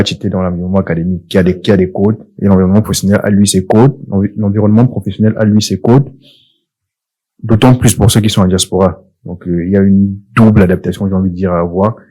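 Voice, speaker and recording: A man hosting a casual podcast, asking questions in a measured, reflective way with many hesitations. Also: on the low side, level tone, mellow, poor audio. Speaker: podcast host.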